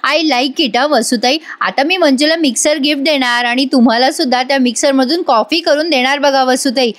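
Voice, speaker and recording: A woman putting on an excitable middle-aged uncle who wheedles and pleads, pitched fairly high. He is jokey and flattering, with urgent calls for help. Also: normal speed. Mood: pleading.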